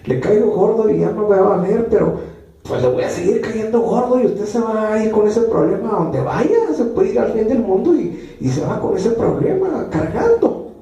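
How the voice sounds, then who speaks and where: A man with a high-pitched voice preaches an emphatic sermon, repeating phrases to drive the point home. He is heard from a distance in a very echoey church. A faint room ambience sits behind him. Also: very animated, moderate pace, dark tone, dull audio. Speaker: pastor.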